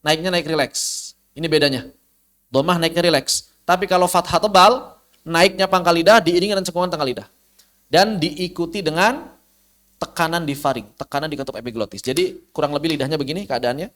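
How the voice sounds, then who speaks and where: A man teaching a recitation lesson online, patiently explaining and demonstrating sounds by repeating drawn-out syllables, often asking and answering his own questions. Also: on the high side, fairly bright tone. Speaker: tajwid teacher.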